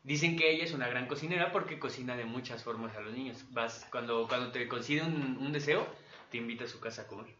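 A man tells a story with animated energy in a bright, forceful voice. The recording has a roomy echo and a dull, lo-fi tone. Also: medium pitch, quick pace, a little hiss or hum. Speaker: podcast storyteller. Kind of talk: casual storytelling. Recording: dull, roomy podcast audio.

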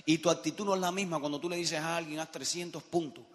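A man's voice: a little high, steady tone, quick pace. A middle-aged man with a Cuban Spanish accent, giving a live motivational business talk and questioning his audience emphatically. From Cuba. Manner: emphatic, addresses the crowd directly with questions. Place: large hall with a live audience. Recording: long hall reverb, crowd noise.

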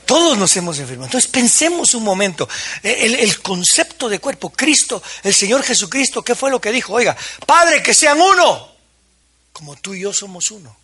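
A man delivers a sermon as a pastor, his voice bright and forceful with a husky grain. He sits a touch higher than the typical male voice, and he turns to his listeners with direct questions and plays out remembered conversations. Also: sing-song, brisk. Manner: preaching to pastors, with questions and acted-out quotes.

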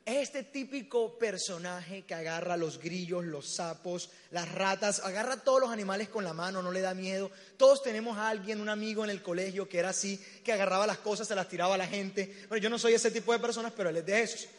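A young man, preaching and telling a story with acted-out voices and sudden shouts. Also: high voice, fairly quick, hardly any pauses. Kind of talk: storytelling sermon. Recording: reverberant hall.

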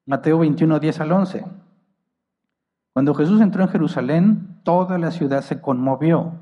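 A man's voice: fairly high pitch, normal speed, big-room sound, highs cut off. A man preaching a Bible teaching sermon who explains passages, reads commentaries aloud and asks his listeners rhetorical questions.

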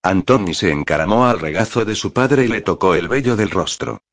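A man narrating a novel as an audiobook, reading in a calm, measured way on a close mic. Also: on the low side. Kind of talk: scripted narration.

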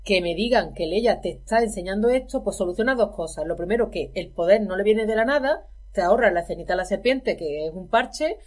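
A woman's voice: medium pitch, expressive, brisk, a little mellow. A woman in a casual film discussion, talking in an exasperated, emphatic way. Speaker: film commentator.

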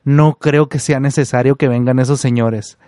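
A man reading a calm young colonel. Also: medium pitch, normal speed, no echo, studio quality, close to an everyday voice. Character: young male colonel, calm, loyal, trusting.

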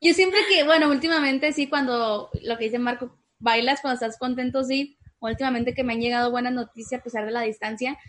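A woman in a casual chat, cheerful and quick to laugh. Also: fairly high pitch, steady tone.

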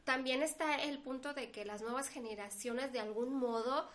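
A high-voiced woman co-hosts a casual podcast. She talks conversationally and keeps slipping into little quotes of what other people say. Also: normal speed, fairly bright tone. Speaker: podcast co-host.

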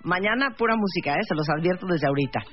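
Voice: mid-range voice, animated. A radio host, teasing and bantering while spelling words letter by letter. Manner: teasing, fast bursts of talk. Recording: slightly dull radio sound, faint music.

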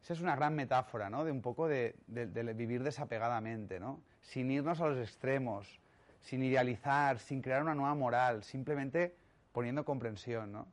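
Emphatic and rhetorical, a man gives a motivational talk on personal growth, frequently checking in with the audience. His voice is mid-range and his pace moderate.

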